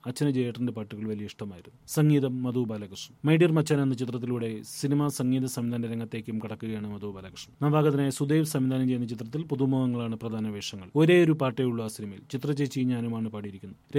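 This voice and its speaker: A man giving steady, measured scripted narration for a profile feature. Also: mid-range voice, no room sound.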